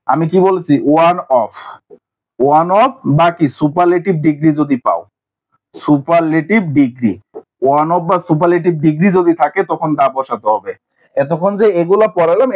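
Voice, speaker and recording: A man's voice: a little high, darkish tone. A young man teaches an English grammar lesson online, asking questions and answering them himself.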